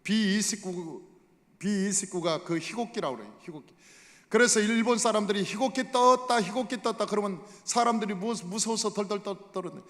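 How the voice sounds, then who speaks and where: A man's voice: high voice, brisk. A male pastor giving a storytelling sermon in a church, often addressing the congregation directly. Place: church sanctuary. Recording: long reverb of a church hall.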